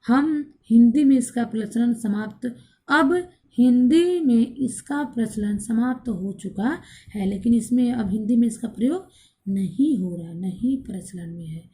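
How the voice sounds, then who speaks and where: A woman's voice: fairly high pitch, a little slow, mellow. A woman teacher giving a grammar lesson who asks the class questions, then answers them herself and repeats each point. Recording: recorded for an online class video.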